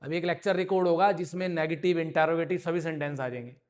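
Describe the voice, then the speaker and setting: A man's voice: a little high, fairly even intonation, quick pace, a little mellow. A man teaching an English grammar lesson to a class, explaining patiently and often checking that students follow. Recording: long reverb in a hall.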